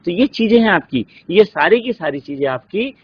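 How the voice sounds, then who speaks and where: Man, Indian accent, husky, lecturing, muffled lo-fi sound. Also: high voice, animated. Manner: explains slowly with many examples and rhetorical questions. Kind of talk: classroom lecture. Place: classroom studio. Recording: dull lo-fi recording.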